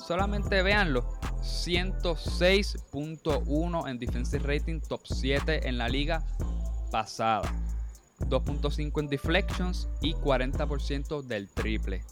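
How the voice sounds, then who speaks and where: A man's voice: mid-range voice, a little slow, music in the background. A man with a Caribbean Spanish accent arguing a basketball debate as a panelist, reeling off statistics and mixing in English terms. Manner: stat-heavy, with English terms mixed in. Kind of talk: argumentative sports debate with statistics.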